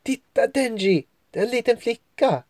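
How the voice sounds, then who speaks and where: A man's voice: no room sound, clean studio sound, close to an everyday voice. A man voicing a bold, playful little girl in a children's story. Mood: excited. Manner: high, excited calls. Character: small girl, bold, playful, high-voiced.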